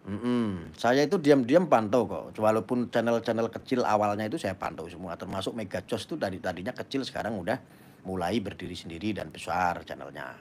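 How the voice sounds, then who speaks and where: A man speaks in a casual live-stream chat, his voice sitting fairly low. He talks fervently and preaches at his listeners, pressing them to act. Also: lively intonation, fairly quick, darkish tone, a little hiss or hum. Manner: fervent, preachy, urging viewers. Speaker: YouTube channel host.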